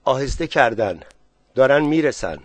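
A man's voice: mid-range voice, lively intonation, dry recording, natural voice. A man voicing the headman's young son, hurriedly reporting what he has seen.

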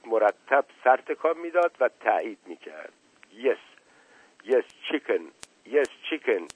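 A man narrating a novel in a measured storytelling manner. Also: medium pitch, slightly rough. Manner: measured storytelling with lively character voices. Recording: tinny dry radio broadcast.

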